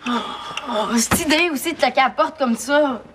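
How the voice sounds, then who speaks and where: A woman's voice: sits high, moderate pace, noisy background, lightly acted. An actress playing a bossy young woman in a TV series, speaking with a Québécois accent and scolding in an exasperated way. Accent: Québécois French. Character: bossy young woman who fusses over her pet mouse. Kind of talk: TV series acting.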